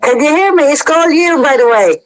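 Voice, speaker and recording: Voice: sits high, expressive, fairly quick, low-quality recording. A person from Galway with a west of Ireland accent, chatting casually and informally in a group. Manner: informal, banter with mild swearing.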